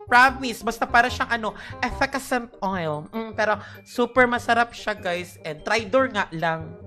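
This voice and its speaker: Chatty young woman streamer, bright voice. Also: a little high. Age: young adult. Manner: chatty, greets viewers by name, shrieking exclamations. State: tired with a headache. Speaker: game streamer. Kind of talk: casual live-stream chat.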